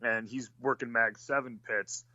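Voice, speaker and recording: A man's voice: mid-range voice, fairly even intonation, normal speed, sharp tone, no room sound. A man who races cars, chatting casually and rambling with lots of fillers and restarts. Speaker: racing driver. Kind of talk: casual chat. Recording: dull lo-fi sound.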